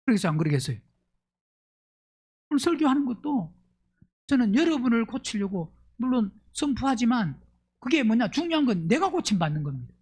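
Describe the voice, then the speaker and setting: A man preaching a Sunday sermon as pastor, firing questions at the congregation and swinging between loud emphatic bursts and low asides. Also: very animated, fairly quick, long pauses, husky. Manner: fires rhetorical questions at the congregation.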